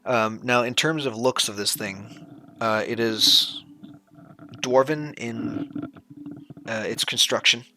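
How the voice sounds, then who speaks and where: A man acting as game master, narrating and explaining rules in a casual, sweary way with halting descriptions. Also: medium pitch, bright, forceful tone.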